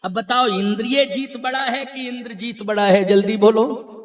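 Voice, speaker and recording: A man's voice: extremely high pitch, steady tone, moderate pace. A man giving a devotional scripture sermon to a gathering, retelling the story with acted quotes and pressing the listeners for answers. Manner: questions the audience and urges answers. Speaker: spiritual preacher. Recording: echoey room, distant mic, faint music.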